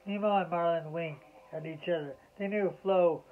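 A man reading a children's bedtime story aloud in a slow, measured way. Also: a little high. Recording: tinny lo-fi phone-like audio.

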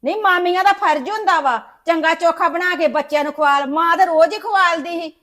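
A woman playing a scolding, sharp-tongued middle-aged mother-in-law in a family web drama, nagging and reproachful. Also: very high voice, fairly quick.

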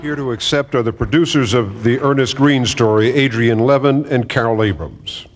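A man's voice: mid-range voice, moderate pace. A man hosting an awards ceremony, introducing winners in a formal, announcing tone. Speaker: ceremony host presenting awards. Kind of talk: formal presentation. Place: large ceremony hall. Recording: reverberant hall.

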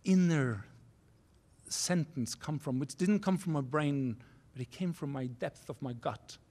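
A man in his forties from Norway with a Norwegian accent, giving a keynote speech at a university podium, earnest and halting, restarting phrases in non-native English. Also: a little high, darkish tone. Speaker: keynote speaker. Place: university auditorium stage. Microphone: podium microphone.

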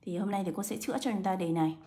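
A woman English teacher, walking students through exam answers step by step and slowing down to read English words aloud. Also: medium pitch, mellow. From Vietnam. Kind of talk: exam answer walkthrough lesson.

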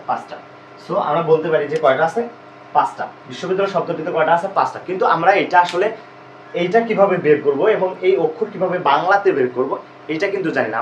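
A man's voice: fairly high pitch, reverberant, muffled recording, a little hiss or hum. A man teaching an online grammar class, explaining step by step and repeating his questions to the students.

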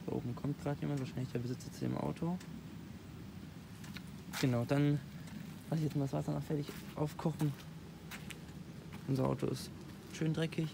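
A young man, a student, vlogging casually outdoors and thinking aloud with fillers. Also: medium pitch. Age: young adult. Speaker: travel vlogger. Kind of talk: casual vlog commentary. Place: outdoors by a lake, later beside a van. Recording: outdoor recording with clear noise. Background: clear outdoor noise.

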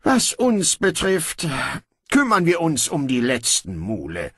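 A man voicing a weary, ruthless young king who talks in gruff, dry sarcasm. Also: on the high side, huge pitch swings, takes it slowly, a bit bright, dry recording, voice pushed up, exaggerated voice. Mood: sardonic.

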